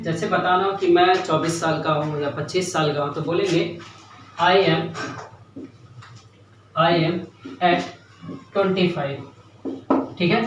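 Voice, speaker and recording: A young man whose voice is on the high side teaches a grammar lesson in classroom fashion, stressing key points more than once and checking that students are with him. Slight background noise comes through, and the distant mic catches the room's echo.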